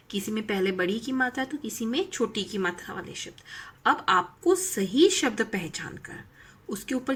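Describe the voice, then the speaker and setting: Slow, husky-voiced woman teaching children. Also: on the high side, fairly bright tone. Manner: drawn-out word readings with teacherly questions. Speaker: primary school Hindi teacher. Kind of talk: slow, clearly enunciated lesson for young children.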